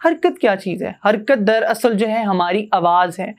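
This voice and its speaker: Using rhetorical questions, a Pakistani university student in his young adult years explains grammar patiently to a class as a student teacher. His voice sits high.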